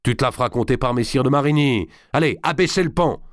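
A domineering, scheming nobleman, voiced by a male reader, with a deep voice that coaxes low and barks its orders. He is arrogant and quick to rage. The read is dry and close-miked. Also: animated, vocal fry, darkish tone, dry recording, heavily acted. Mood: barking angry. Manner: coaxing when low, barking orders when angry. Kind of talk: audiobook character voice.

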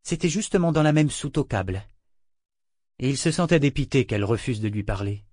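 A man narrating a novel in a measured, even storytelling voice. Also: medium pitch, dry recording. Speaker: audiobook narrator. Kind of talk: scripted narration.

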